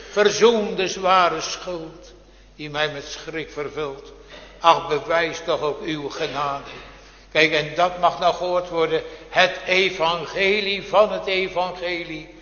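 A man preaching a Reformed church sermon, slow and solemn, with fervent rising appeals to God. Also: on the high side, fairly bright tone. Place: church hall. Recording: dull, roomy church recording with long reverb.

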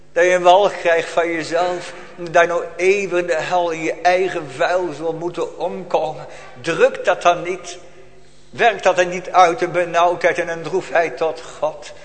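A man delivers a solemn sermon in a church. His voice sits somewhat high and he presses his congregation with urgent rhetorical questions. A long reverb from the hall trails each phrase. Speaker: pastor.

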